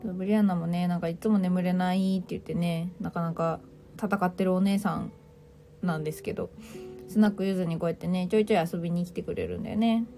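A woman's voice: fairly low pitch, fairly even intonation, fast talker, warm tone, soft background music. A woman hosting a casual livestream, chatting playfully, teasing listeners as she reads their comments and mixing in English phrases. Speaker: livestream host.

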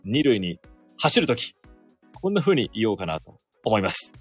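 A man's voice: lowish voice, very animated, normal speed, husky, no echo, faint music behind. A sports announcer in his thirties hosting a solo podcast, chatting casually and self-deprecatingly about his work. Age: 30s. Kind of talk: casual solo radio-style chat.

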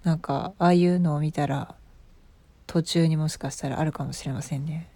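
A woman's voice: sits low, fairly even intonation, normal speed, warm tone, no echo. A woman in her thirties with an Osaka accent, hosting a casual live stream, chatting about listeners' comments and laughing often. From Osaka, Japan. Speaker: livestream host.

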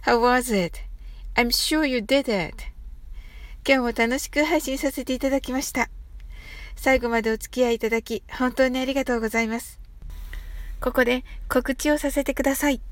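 Woman hosting an english lesson podcast, politely spells out words slow, higher voice, dry close mic. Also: dry recording. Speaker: English teacher and podcast host. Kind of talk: solo audio English lesson.

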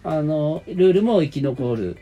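A woman's voice: low voice, lively intonation, measured pace, dark tone, highs cut off. A woman hosting a casual, chatty show among companions. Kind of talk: casual chat. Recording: background music.

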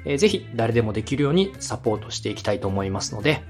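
A man hosts a podcast and gives advice, offering feedback in a polite, encouraging, friendly coaching style. His fairly low voice has a sing-song lilt and comes out rapid-fire, with faint music playing behind him.

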